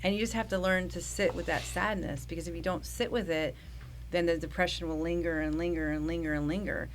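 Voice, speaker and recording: Earnest woman psychologist, lowish voice. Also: steady tone, slight background noise. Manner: earnest, talks fast with restarts. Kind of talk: conversational interview.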